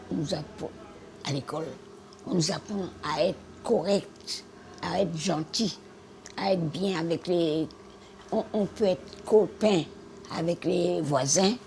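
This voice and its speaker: A gravelly, low-pitched voice of a woman of 100. She talks in halting, repetitive bursts, stumbling over words, then lands her points with defiant emphasis. A faint hiss sits behind her. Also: darkish tone. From French Guiana. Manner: emphatic, with sound effects and defiant exclamations. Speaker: interviewee, war veteran and retired teacher. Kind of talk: spoken war memories in an interview.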